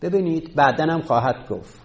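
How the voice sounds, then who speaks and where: Guy teaching a class, slightly high voice, walks through it point by point. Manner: explains step by step, counts items aloud; takes student questions. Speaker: teacher of Arabic rhetoric. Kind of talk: classroom lecture.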